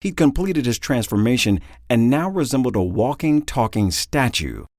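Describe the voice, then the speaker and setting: A man reading an audiobook in dramatic, expressive storytelling, close to the mic. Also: mid-range voice, moderate pace, dry recording. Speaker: audiobook narrator. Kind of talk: scripted audiobook narration.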